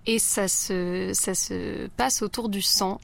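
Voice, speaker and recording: A woman's voice: mid-range voice, fairly even intonation, takes it slowly, gravelly, fairly bright tone. A young woman, a student photographer explaining her work in a radio interview, thoughtful with many fillers. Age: young adult.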